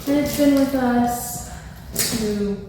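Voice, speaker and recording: A woman's voice: on the high side, slow pace. A woman chatting casually and self-deprecatingly to camera while she does chores, in an empty, echoey apartment room. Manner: informal, self-deprecating, talking through chores. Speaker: vlogger. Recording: very echoey room, distant mic, background noise.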